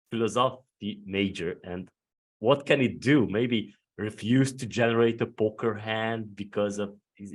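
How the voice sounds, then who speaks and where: A man moderating a virtual panel discussion, chatty and full of fillers. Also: fairly low pitch.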